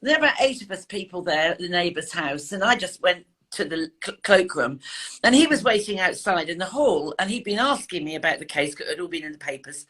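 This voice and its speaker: A woman's voice: on the low side, expressive, a little fast, a bit bright, husky. An older woman, a guest on an interview, earnestly recounting a painful personal experience and quoting the people she spoke to. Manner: earnest, quotes others' words in her retelling. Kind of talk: emotional personal account.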